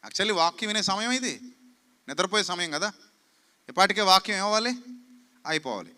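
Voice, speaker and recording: A man's voice: high voice, lively intonation, moderate pace, bright, forceful tone. A man preaching a fiery sermon, scolding the crowd with rhetorical questions and mocking quotes. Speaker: pastor.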